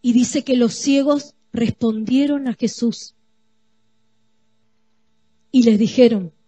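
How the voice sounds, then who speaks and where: Woman pastor preaching slow, high voice, dry close sound, keeps calling out to the church. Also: warm tone, breathy edge, no room sound. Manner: emphatic, repetitive preaching that addresses the congregation. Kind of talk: sermon.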